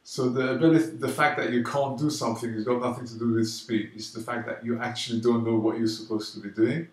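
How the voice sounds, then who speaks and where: A man teaching a drum rhythm, explaining calmly and counting the beats out loud, slow and emphatic. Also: mid-range voice. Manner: counts beats aloud loudly and slowly between calm explanations. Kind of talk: casual drum lesson. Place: London. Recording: roomy echo, mic at a distance, drumming.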